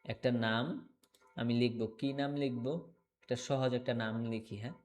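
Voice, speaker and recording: A male teacher giving an online English lesson, taking his time over every word at an unhurried pace. He repeats himself patiently and keeps asking whether the class follows, with the clack of keyboard typing now and then behind him. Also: mid-range voice, fairly even intonation, a little mellow. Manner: slow, repetitive, checks understanding often.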